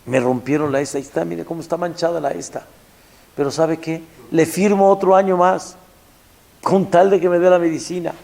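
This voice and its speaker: A man's voice: a little high, steady tone, a little fast, gravelly, mellow, pitched above the performer's own voice. A man voicing a poor, desperate mother who pleads, in a told story. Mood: pleading.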